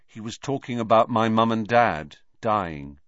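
A man voicing a quiet, steady teenage boy who presses his point in a level voice, in a storybook reading. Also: fairly low pitch, a little slow, no room sound, lo-fi sound, pitched above the performer's own voice. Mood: calm.

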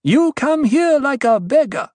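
In an audiobook, a narrator voices a fierce young prophetess who commands a crowd and intones cryptic pronouncements, her ritual chant turning sharp and angry. The delivery is slow and medium-pitched, with the voice pushed up and no room sound.

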